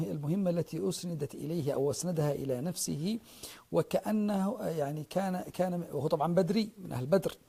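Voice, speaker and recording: Fast gravelly-voiced man preaching. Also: a little high, dark tone. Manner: earnest preaching, addresses listeners directly, repeats names for emphasis. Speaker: sheikh giving a religious lecture. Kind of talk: religious lecture to an online audience.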